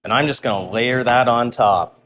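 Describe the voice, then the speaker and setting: A man's voice: medium pitch, moderate pace, fairly bright tone. A man speaks as a cooking show host, casually talking viewers through each step as he works. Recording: clear background noise while cooking.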